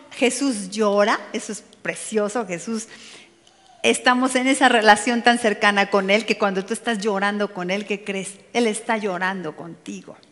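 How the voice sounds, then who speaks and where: A woman's voice: mid-range voice, pushed and bright. A woman preaching to a women's meeting in a conversational way, speaking directly to her listeners with playful asides. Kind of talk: sermon. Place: church meeting hall. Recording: long hall reverb.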